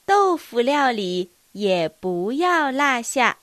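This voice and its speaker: A woman teaching a language lesson, reading dialogue lines with careful, deliberate enunciation. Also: fairly high pitch, sing-song, fairly bright tone, dry recording.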